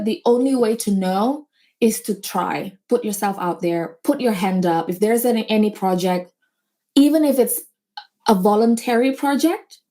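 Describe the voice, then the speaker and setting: Fairly high in pitch and dark in tone, this businesswoman's voice carries an earnest, motivational message during a relaxed interview conversation. Her grammar has small, slightly non-native slips.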